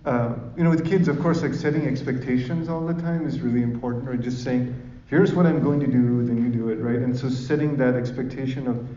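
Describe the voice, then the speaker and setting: Mellow and medium-pitched, a man from Sri Lanka advises parents during an informal public talk with audience questions, often adding tag questions to draw agreement in his conversational style. He sounds echoey and far off, recorded with a distant mic in a roomy, dull space before an audience.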